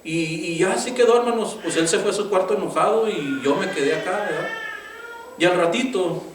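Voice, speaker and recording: High-voiced pastor preaching in an echoey church. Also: male voice, fairly quick. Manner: keeps addressing listeners as brother and asking "right?". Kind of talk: conversational sermon. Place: church sanctuary. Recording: echoey church room, mic at a distance, faint background hiss.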